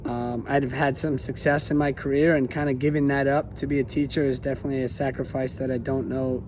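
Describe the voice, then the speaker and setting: A man from Argentina introducing himself as an aspiring teacher, talking earnestly with many pauses and fillers. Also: medium pitch, level tone, background noise. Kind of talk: casual self-introduction.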